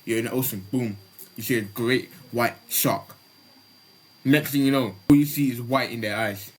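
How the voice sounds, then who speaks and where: Slangy reaction host mid-pitch. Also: normal speed. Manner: slangy, mock-formal rants. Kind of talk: casual reaction commentary.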